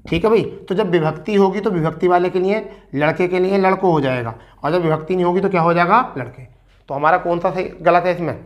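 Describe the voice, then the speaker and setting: Coaxing exam-prep teacher, fairly high voice. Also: male voice. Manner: coaxing, repeats "ठीक है" often; recites verse slowly and deliberately. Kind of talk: explaining a practice test.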